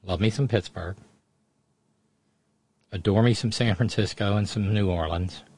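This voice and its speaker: A man's voice: on the low side, unhurried, a little mellow, breathy edge. A man hosting casual live political commentary in a sardonic, mocking manner. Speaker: host of political commentary show.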